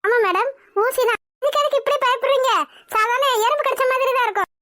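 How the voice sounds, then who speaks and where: Woman playing a wheedling scheming nurse, high cartoon voice, dry sound. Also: fast, bright, forceful tone, no echo. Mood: coaxing. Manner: coaxing, wheedling. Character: scheming bribed nurse, sly and nervous. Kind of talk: cartoon voice acting.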